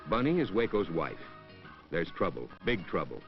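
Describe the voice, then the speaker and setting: Here a deep-voiced man, his pitch swinging widely, reads a 1960s educational film's scripted narration at normal speed. It's told wryly, like a story, with echoes of hip slang. Background music runs under a dull old 1960s soundtrack.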